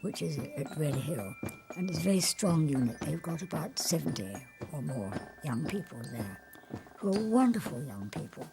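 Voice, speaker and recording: An older woman speaks earnestly in an interview, her gravelly voice rising and falling a lot. Her tone is lowish, and music plays clearly underneath. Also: sing-song, moderate pace. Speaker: president of a cadet unit.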